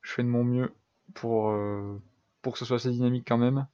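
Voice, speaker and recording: A man's voice: mid-range voice, fairly even intonation, a little fast, warm tone, clean tone, highs cut off. A young man giving casual, self-deprecating commentary over a building game, thinking aloud with lots of fillers. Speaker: gaming YouTuber.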